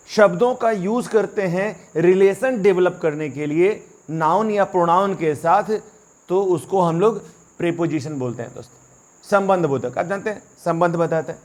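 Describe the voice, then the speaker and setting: A young man teaching English grammar in Hindi, mixing in English phrases and often calling his viewers friends. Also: high-pitched. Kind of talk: explaining lesson to students.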